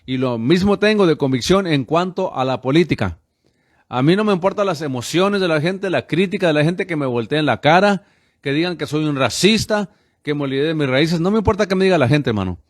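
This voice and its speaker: A man's voice: on the high side, lively intonation, brisk, no echo, studio quality. A man in his fifties from the United States, a radio pastor preaching with fervent insistence and constantly addressing listeners as brothers. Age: 50s.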